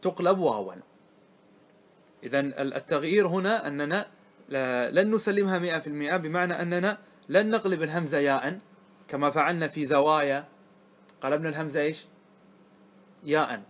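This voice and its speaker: Man teaching a grammar lesson. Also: fairly high pitch. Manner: checks understanding with frequent questions; drawls words slowly when spelling out forms.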